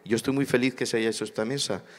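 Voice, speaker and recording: A man's voice: medium pitch, fairly even intonation, fast talker. A man from Spain speaking at a church congress panel, preacherly, repeating phrases for emphasis. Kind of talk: impassioned church panel talk. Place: large congress hall. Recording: hall reverb.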